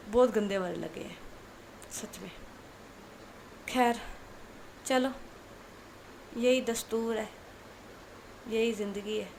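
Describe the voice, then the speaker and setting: A woman voicing a young female student who softly and coaxingly pleads with her girlfriend in a hushed voice. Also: mid-range voice, gravelly, a little hiss or hum, rough recording. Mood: wry.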